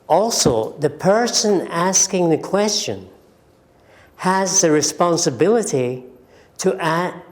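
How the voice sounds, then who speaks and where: An older man from Scotland with a Scottish accent, giving a deliberate lecture on medical communication and acting out example phrases. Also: a little high, darkish tone.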